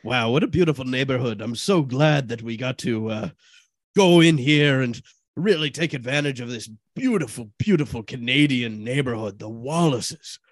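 A man's voice: medium pitch, moderate pace, no room sound, studio quality, lightly acted. A man voicing an overly enthusiastic 1950s suburban father in an improv comedy scene. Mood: eager. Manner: overly enthusiastic, sing-song. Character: eager cheerful 1950s suburban dad.

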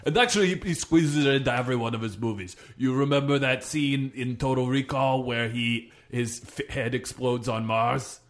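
A man playing a doting, excitable stepfather who hosts a comedy podcast in a gushing, mock-earnest, theatrical way. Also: mid-range voice, normal speed, hardly any pauses, slight background noise, close to an everyday voice. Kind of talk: improvised comedy podcast banter.

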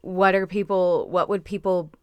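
A woman's voice: fairly low pitch, fairly even intonation, moderate pace, clean tone, no echo. A woman comedian chatting casually with a melodic, cultivated way of speaking, like a 1950s Hollywood starlet. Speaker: comedian, podcast guest.

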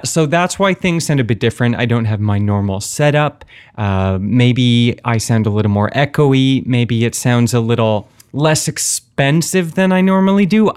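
A man with a medium-pitched voice hosts a comedy podcast. He moves between scripted announcer lines and casual asides, often interrupting himself. His delivery is playful and wry. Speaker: podcast host. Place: basement away from usual home setup.

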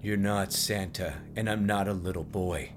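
A man's voice: low voice, steady tone, normal speed, faint music behind, natural voice. A man playing a bitter, lonely would-be action hero in a comedy sketch, blunt and defensive. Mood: grim. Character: bitter, lonely, self-absorbed male action-hero wannabe.

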